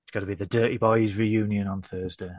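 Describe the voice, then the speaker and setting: A man's voice: on the low side, level tone, no echo, clean studio sound. A man, a podcast guest teasing the host in casual chat. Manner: teasing, quick retorts.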